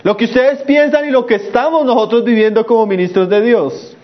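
A man preaching a sermon, emphatic, dropping his voice low for stress and slowing down to read scripture. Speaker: pastor. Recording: muffled lo-fi recording.

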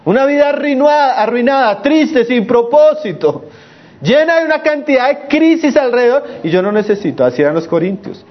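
A male preacher with a notably high voice delivers an emphatic sermon. He sinks his voice low to stress a point and slows to a crawl when reading scripture. The recording is dull and lo-fi. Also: sing-song. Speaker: pastor. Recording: muffled lo-fi recording.

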